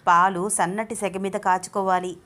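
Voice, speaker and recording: A woman's voice: medium pitch, flat delivery, moderate pace, fairly bright tone, lightly acted. Woman reading as a teasing young husband. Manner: teasing, coaxing, calls his wife babe. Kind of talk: storybook reading.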